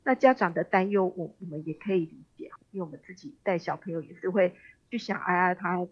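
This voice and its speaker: Taiwanese-accented woman, husky, slightly muffled sound. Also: lowish voice, fast talker. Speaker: expert guest, special education professor. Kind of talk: radio interview, explaining conversationally.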